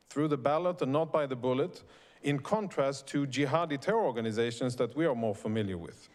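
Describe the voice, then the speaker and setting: Man giving an emphatic prepared speech. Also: a little high. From Sweden. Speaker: invited speaker. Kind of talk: prepared speech to a live audience.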